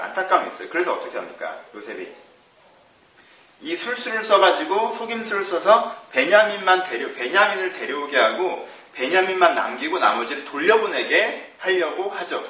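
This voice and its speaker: A man's voice: a little high, bright, forceful tone. A man preaching a sermon as a pastor, who keeps asking the congregation questions. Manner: asks the audience rhetorical questions. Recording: echoey hall from far off.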